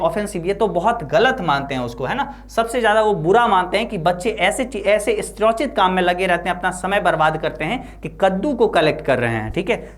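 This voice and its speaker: A woman explaining an English lesson line by line, reading English slowly and explaining in with frequent tag questions. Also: medium pitch. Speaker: teacher.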